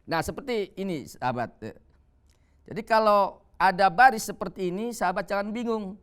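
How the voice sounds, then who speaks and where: A man teaching Quran reading on a television program, explaining patiently and chanting Arabic verses slowly. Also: sits high, expressive, a bit bright, smooth. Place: TV studio.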